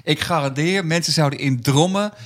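A man co-hosting a comedy podcast, lively and quick to laugh, often stumbling over his words. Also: fairly high pitch. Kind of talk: casual podcast banter.

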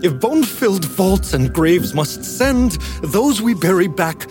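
A man's voice: high voice, sing-song, measured pace, over music. An actor playing a guilty, haunted king at a feast, declaiming in a Shakespearean stage style with agitated outbursts. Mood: frantic.

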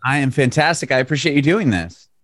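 A man hosting a music podcast, speaking in an energetic, upbeat way and chatting casually with a guest over a video call. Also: medium pitch, quick pace, dry recording. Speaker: podcast host. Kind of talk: casual interview chat. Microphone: remote video call.

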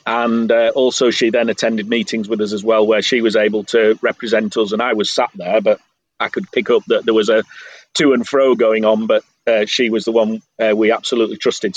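A middle-aged English man talking candidly as an interview guest, measured and self-deprecating. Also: on the low side, no echo, rough recording. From England. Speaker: guest, business owner abroad. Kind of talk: interview conversation.

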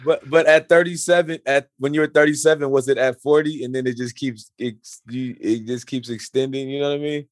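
A man in his forties chats casually, often stumbling, repeating words and restarting his sentences. His voice is medium-pitched and steady, recorded at studio quality without any room sound.

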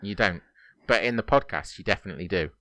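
Man, podcast co-host, lowish pitch, bright forceful tone, teasing banter, dry close sound. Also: expressive, fast, dry recording. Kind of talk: casual podcast chat.

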